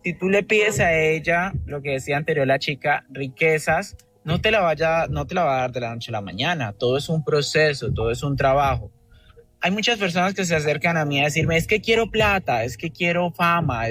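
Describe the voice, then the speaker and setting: A man speaks in a somewhat high voice, calling into a radio show over his speakerphone. He rambles in an earnest, devotional way, and faint music plays behind him. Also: animated, a little fast, a bit bright, no room sound. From Antioquia, Colombia. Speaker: radio caller. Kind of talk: call-in storytelling. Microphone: phone on speaker.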